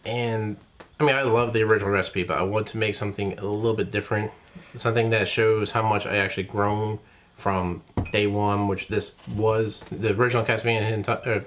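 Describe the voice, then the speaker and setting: A man's voice: on the low side, fairly bright tone, slight background noise. A man in his thirties, a guest cocktail creator, chatting casually and agreeably. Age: 30s. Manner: agreeable, quick, laid-back. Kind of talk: casual chat.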